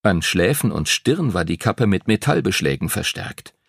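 A man narrating an audiobook in an expressive storytelling manner, close to the mic. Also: deep voice, normal speed, vocal fry, breathy edge, no room sound.

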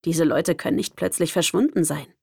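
A young woman narrating a first-person audiobook in a lively, expressive way. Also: deep voice, moderate pace, gravelly, breathy edge, no echo, studio quality.

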